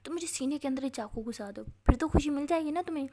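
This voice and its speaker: A woman's voice: high voice, fast talker, very noisy. A woman voicing a hot-tempered young female college student who quarrels in melodramatic outbursts. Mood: heated, exasperated.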